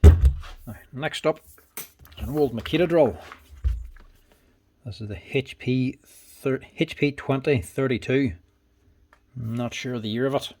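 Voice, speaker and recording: A power tool repairer and video host thinks aloud in his workshop, offering short, plain, casual remarks. His voice is mid-range and his pace slow, with frequent pauses. Clicks, clatter and other background noise come through clearly.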